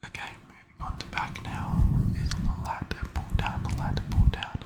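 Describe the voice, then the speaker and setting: Male fitness vlogger for ASMR voice-over: fully whispered, breathy, right-in-the-ear delivery on a close mic, words gently repeated. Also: moderate pace. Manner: repeats words and phrases softly. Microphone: close mic with fluffy cover.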